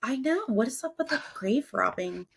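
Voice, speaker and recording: A woman's voice: on the high side, lively intonation, moderate pace, creaky, husky. A young woman hosting a podcast in casual, chatty talk, laughing often. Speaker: podcast host.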